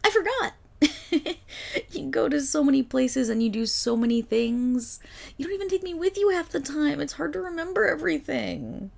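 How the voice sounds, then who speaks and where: A woman voicing an excitable, affectionate dog-eared girl in an ASMR role-play, loud and giggly. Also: high voice, moderate pace, creaky, exaggerated voice. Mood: bubbly.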